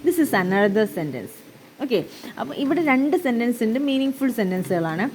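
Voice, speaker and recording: Malayali woman English teacher, unhurried, asks and answers her own questions, highish voice, audible background noise. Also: animated, a little mellow, low-quality recording. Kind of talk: classroom explanation mixing English and Malayalam.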